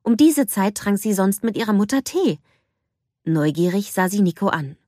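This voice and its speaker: A woman narrating a children's storybook in a gentle, measured way. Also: medium pitch, big pitch swings, no room sound, clean studio sound. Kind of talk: storybook reading.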